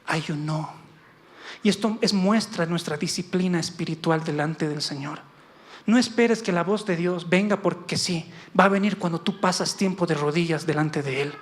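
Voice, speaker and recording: High-voiced preacher, impassioned sermon. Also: male voice, moderate pace. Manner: impassioned, calls out to congregation, acts out God's voice.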